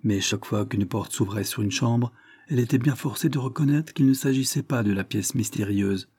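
A man narrating an audiobook in a measured, steady reading voice. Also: mid-range voice, husky. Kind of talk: scripted narration.

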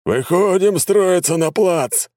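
A gruff military commissioner, put on by a male audiobook reader, barks orders in a raised, higher, forceful voice, clipped and commanding. The recording is close and dry. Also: normal speed, no room sound, close to an everyday voice. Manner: barking orders, shouting roll call.

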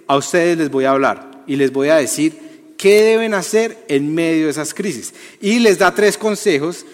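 A man preaching a lively, conversational sermon to young people, often asking the audience questions. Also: on the high side. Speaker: youth preacher. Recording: long hall reverb.

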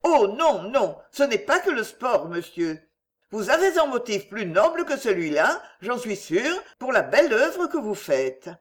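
A man's voice: very high voice, very animated, unhurried, pitched above the performer's own voice, exaggerated voice. A man voicing an anxious, grateful French countess in an audiobook, earnest and pleading.

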